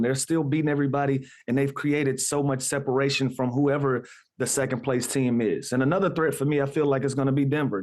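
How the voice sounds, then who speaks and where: A man co-hosting a sports talk show, giving steady, analytical takes with a few restarts, on a video call from a hotel room. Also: medium pitch. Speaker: co-host, basketball analyst.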